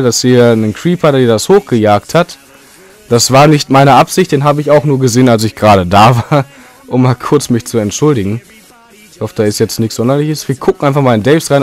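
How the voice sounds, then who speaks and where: A man's voice: medium pitch, darkish tone. A young man giving casual, rambling commentary over his own gameplay, with sudden jumpy outbursts. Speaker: let's play commentator.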